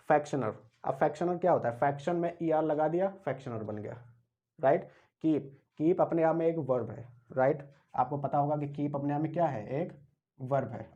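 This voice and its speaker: This man's fairly high, dark voice comes through on lo-fi audio as he explains English grammar one step at a time. He slowly spells out and repeats words, poses questions and answers them himself, much like a classroom lecture.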